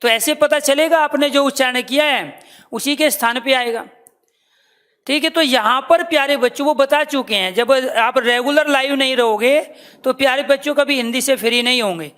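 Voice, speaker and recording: Brief: high-pitched woman, language teacher running a live online class, quizzing and repeating terms, addresses students as dear children. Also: normal speed, a bit bright. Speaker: Hindi teacher.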